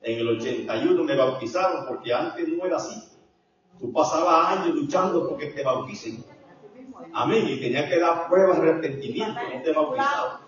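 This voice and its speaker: An older man preaching a sermon as a pastor, swinging from hushed storytelling to shouted preaching. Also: fairly high pitch, lively intonation, fairly quick. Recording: echoey hall, distant dull mic.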